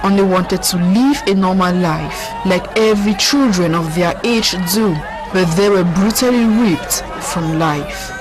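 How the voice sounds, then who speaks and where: A woman's voice: mid-range voice, a little slow, few pauses, low-quality recording. Woman doing a tv news voiceover, music and crowd noise behind her. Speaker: news reporter. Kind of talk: scripted news narration. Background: music and crowd sounds.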